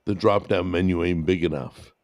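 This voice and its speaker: A man's voice: low-pitched, steady tone, normal speed, darkish tone, dry recording. A man co-hosting a podcast in casual chat, joking and sarcastic while he shares his opinions. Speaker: podcast co-host.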